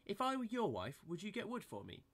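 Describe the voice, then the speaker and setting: A man voicing a naive, hungry little girl who speaks in a high, hopeful way. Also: wildly swooping pitch, a little fast, very noisy, exaggerated voice. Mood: hopeful, chirpy.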